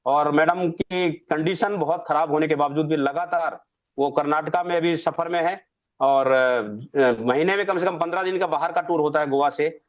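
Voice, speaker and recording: A man's voice: a little high, fairly even intonation, normal speed. A man hosting an online webinar, introducing guests with effusive, ceremonial praise over a video call. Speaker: webinar host. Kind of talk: formal event hosting. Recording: muffled video call audio.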